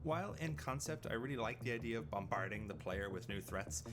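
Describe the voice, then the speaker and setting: A man's voice: medium pitch, animated, fairly quick, noisy background. A man delivering scripted explanatory narration as a video essay narrator.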